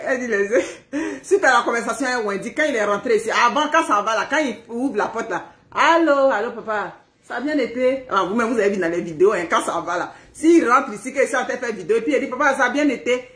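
A middle-aged woman hosting a live stream from home, chatting casually to her viewers, animated and laughing as she acts out family quarrels. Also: on the high side, reverberant. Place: at home, indoors.

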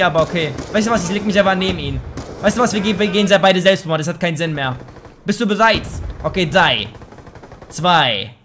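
This is a young man doing casual commentary over a shooter game. His voice is notably high for a man. He trash-talks and swears freely, and he breaks into excitable outbursts, with faint noise behind him. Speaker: let's play host.

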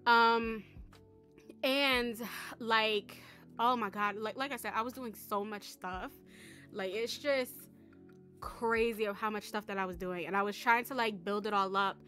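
A woman vlogging in a casual, excitable, rambling way, full of slang and swearing. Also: mid-range voice, a little slow, soft background music. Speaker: Sims content creator. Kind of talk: casual chatty vlog.

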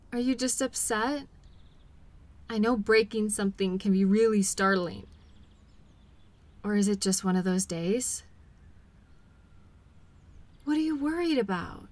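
In a slightly high voice, a woman takes the role of a caring girlfriend in intimate role-play audio, soothing her partner with gentle, patient reassurance.

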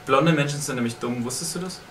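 A man's voice: medium pitch, fast talker. A young man co-hosting a horror game let's play, bossy and crude, joking as he tells his partner what to do. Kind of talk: casual gameplay commentary. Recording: roomy, distant mic with background noise.

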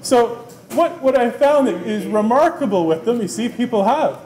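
Standing at a wooden podium in an indoor lecture room, a middle-aged business school dean delivers a keynote in an animated, conversational style, using both hands to gesture and checking in with "right?" often. His voice is extremely high-pitched at normal speed, and the podium mic captures roomy sound with faint background noise.

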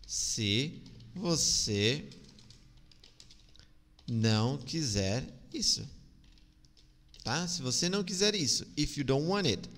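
A man's voice: medium pitch, fairly bright tone, big-room sound. A Brazilian man teaching English in a live online lesson, patiently repeating phrases and drilling pronunciation with a Brazilian Portuguese accent.

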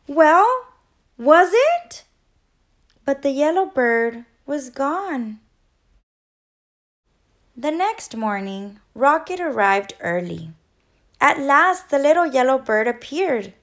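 A woman teacher reading a children's picture book aloud in an expressive, gentle storytelling manner. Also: sits high, slow pace, pauses often.

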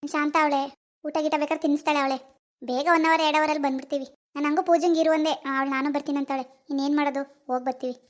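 A performer voicing a caring, cautious middle-aged mother-in-law in an animated family drama. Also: sits high, very fast, lightly acted. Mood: concerned. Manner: firm but caring, worrying.

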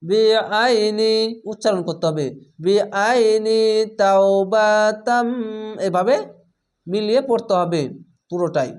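A man teaching Quran reading. He draws out each Arabic word slowly and clearly, then explains the rules in quick, plain speech and repeats sounds patiently for his learners. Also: sits high, darkish tone. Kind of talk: Quran recitation lesson.

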